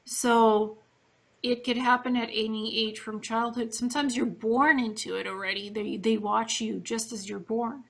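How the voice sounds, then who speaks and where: A woman's voice: a little high, fairly even intonation, moderate pace, creaky. A woman from Ukraine interviewing a guest in a casual, earnest, matter-of-fact way.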